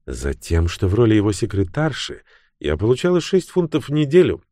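A man's voice: lowish voice, a little mellow, no echo, clean studio sound. A man putting on a cool, mocking young woman.

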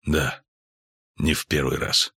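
A man voicing a grim, weary male monster hunter in an audiobook, with a terse, flat delivery. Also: extremely low pitch, slow, creaky, breathy edge, dry recording, clean studio sound, voice pushed down, heavily acted. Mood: somber.

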